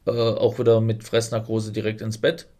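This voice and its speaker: A man's voice: lowish voice, completely flat delivery, normal speed, mellow. A man co-hosting a casual podcast chat, rambling and correcting himself as he explains technical details. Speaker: podcast co-host.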